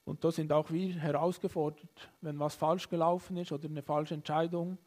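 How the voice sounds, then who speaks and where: A man preaching a sermon in a calm, plain way, retelling a story with small pauses and fillers. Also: on the high side. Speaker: pastor.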